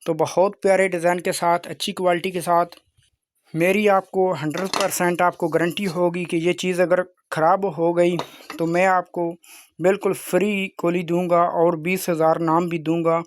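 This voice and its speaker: High-pitched salesman, evenly insistent. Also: level tone, moderate pace, dry recording, studio quality. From Pakistan. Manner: insistent, repetitive salesman's pitch with bold guarantees. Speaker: YouTube channel host selling crockery. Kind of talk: informal video sales pitch.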